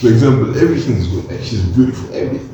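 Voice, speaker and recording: This twenty-one-year-old man co-hosts a casual chat, explaining his point earnestly and animatedly with plenty of slang. His mid-range voice moves very fast, with a little hiss or hum. He's recorded from a distance in an echoey room, and the sound is dull.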